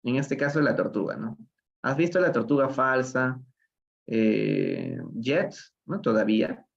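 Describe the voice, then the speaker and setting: A man's voice: mid-range voice, animated, unhurried, vocal fry, highs cut off. A man from Peru teaching English in a live online reading lesson, patiently explaining step by step and switching between Spanish and English.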